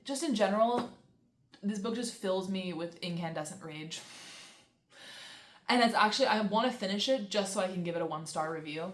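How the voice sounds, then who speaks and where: A young woman vlogging a casual book review, ranting in an exasperated way with lots of fillers. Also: medium pitch. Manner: exasperated, fast, with many fillers and sarcastic quoted asides. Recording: echoey room.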